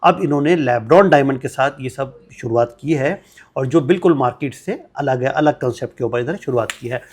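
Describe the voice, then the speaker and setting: A man's voice: medium pitch, fairly quick, darkish tone, a little hiss or hum. A man hosting a promotional interview, upbeat and prompting, echoing his guest's answers.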